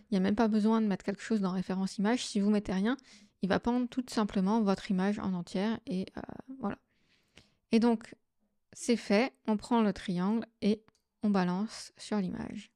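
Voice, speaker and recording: Casual woman walking through software steps. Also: medium pitch, steady tone, normal speed, no echo, clean studio sound. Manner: casual, step-by-step explaining with fillers. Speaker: astrophotography tutorial host. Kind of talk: screen-recorded software tutorial.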